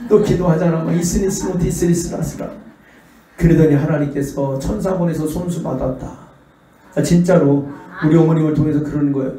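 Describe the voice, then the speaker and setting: A man's voice: a little high, a little fast. A middle-aged male pastor giving a revival sermon, telling stories animatedly and acting out the people in them. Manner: animated, acts out the voices in his stories. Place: church sanctuary. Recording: echoey church hall, distant mic.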